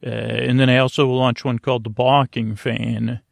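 The podcast host, a man with a creaky mid-range voice, drifts through a soothing bedtime monologue with halting repetitions and lengthy pauses. His delivery is flat and the recording dry.

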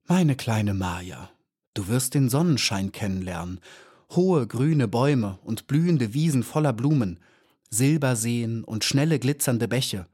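A man's voice: mid-range voice, big pitch swings, normal speed, darkish tone, slightly rough. A man voicing a stern, fussy old female bee who lectures and sighs, in a storybook reading. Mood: tender. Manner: scolding, sighing, lecturing.

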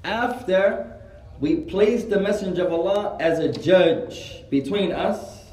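A man teaching a religious studies class, repeating each point slowly so students can write it down. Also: high-pitched, a little mellow, roomy sound, recorded from a distance, rough recording. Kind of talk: classroom lesson, Arabic then English.

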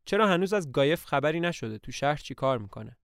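Fretful lady landowner read by a guy, plaintive, a bit higher and softer than his own voice, smooth tone. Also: animated, dry recording, clean studio sound. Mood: anxious. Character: anxious aging female estate owner.

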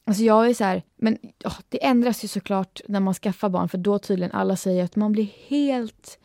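A young woman co-hosting a casual chat podcast, chatty and animated as she tells stories. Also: medium pitch, gravelly, dry recording, studio quality. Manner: chatty, animated storytelling with quoted voices. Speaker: podcast co-host.

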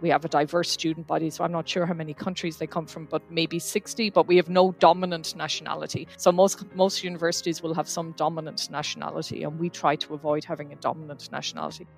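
A woman's voice: low voice, level tone, fast talker, vocal fry, few pauses, faint music behind. A woman from Ireland, a professor, explaining things precisely in an interview. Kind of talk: interview testimony.

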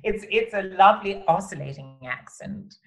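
A man's voice: high voice, moderate pace, gravelly, a bit bright, soft background music. A man hosting a podcast interview, theatrical and wordy, fond of elaborate vocabulary and calling guests darling. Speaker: podcast host. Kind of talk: interview chat.

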